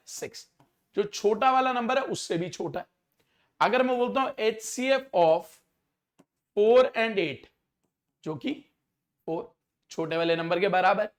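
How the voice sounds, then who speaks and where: A man's voice: high-pitched, a bit bright. A young adult man, teaching an exam-prep maths lecture step by step and often checking that students follow.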